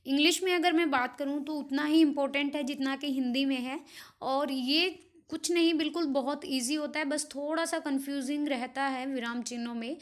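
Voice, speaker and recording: A woman's voice: high voice, fairly even intonation, moderate pace. A woman teaching a grammar lesson for exam preparation, explaining step by step and mixing English words into her talk.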